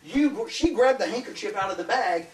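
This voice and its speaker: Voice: mid-range voice, lively intonation, a little fast, far from the mic. A party magician doing playful, teasing patter for children, often laughing between lines. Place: birthday party, indoors. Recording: roomy home video from afar. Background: loud chattering crowd and noise.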